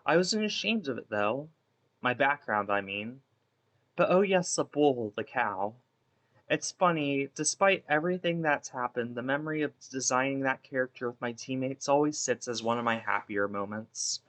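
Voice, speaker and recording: A man playing a guilt-ridden, imprisoned female ex-baseball pitcher in a wistful, theatrical dramatic monologue that rambles and interrupts itself. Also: lively intonation, moderate pace, a bit bright, close to an everyday voice. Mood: wistful, rambling.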